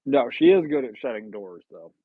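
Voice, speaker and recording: A man's voice: medium pitch, expressive, normal speed, no echo. A man in his thirties hosting a casual livestream, joking and rambling with viewers in a self-teasing way. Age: 30s. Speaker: livestream host. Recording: tinny phone-like, dry sound.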